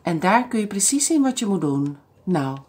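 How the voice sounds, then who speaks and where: A woman librarian reading a picture book aloud to toddlers in an animated, sing-song way. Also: mid-range voice, normal speed, breathy edge. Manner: animated, sing-song, speaks to small children.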